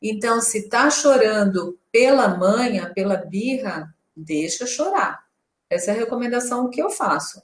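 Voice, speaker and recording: A woman's voice: mid-range voice, expressive, moderate pace, roomy sound. A woman, a mother, talking earnestly and chattily about parenting on a live stream. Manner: chatty, earnest, with many fillers. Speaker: co-host and mother.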